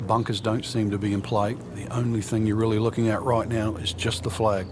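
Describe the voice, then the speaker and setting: A man's voice: lowish voice, flat delivery, fairly quick, noisy background, lightly acted. A man playing a folksy, knowing golf commentator, explaining things conversationally for a video game broadcast. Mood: conversational, wry.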